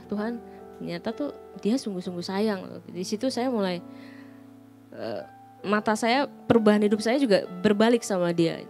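Earnest woman with soft guitar behind. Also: mid-range voice. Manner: earnest, halting, with frequent restarts. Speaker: guest sharing testimony. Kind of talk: emotional personal testimony. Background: soft guitar music.

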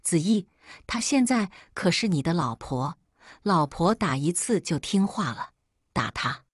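A woman's voice: big pitch swings, measured pace, slightly rough, no echo, studio quality, full character voice. A woman voicing a scheming, insulting middle-aged sister-in-law in a storybook reading. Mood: goading. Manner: scolding, shrill and insulting.

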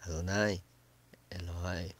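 In a low, level tone, a man who teaches Bible Hebrew muses through a casual lesson. He fills his speech with fillers as he thinks aloud, sounding out each word slowly before explaining it.

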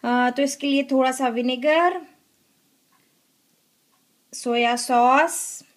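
In a home kitchen, a high-pitched woman hosts a cooking show, giving unhurried step-by-step instructions and pausing often with fillers.

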